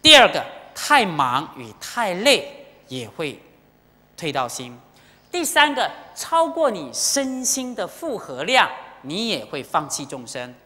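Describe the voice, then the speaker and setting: A Buddhist teacher delivers a sermon in a temple, slow and medium in pitch, with a bright, forceful tone and expressive, swooping delivery. Emotional stories and direct appeals to listeners fill the talk, and the hall adds a long reverb.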